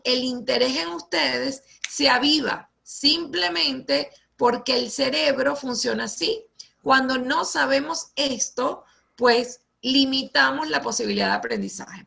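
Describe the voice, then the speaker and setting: Lady teacher on a video call, high voice, lots of fry, eager and explaining. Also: bright, forceful tone. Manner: enthusiastic, explanatory. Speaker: guest speaker, teacher. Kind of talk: online talk to teachers.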